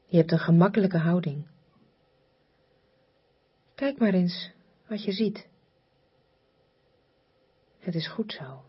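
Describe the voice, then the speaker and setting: A woman guides a relaxation exercise in a very breathy, soft voice that often sinks toward a whisper. She speaks slowly and hypnotically, soothing and repetitive, leaving long pauses. Her pitch is on the low side, and the recording is slightly muffled.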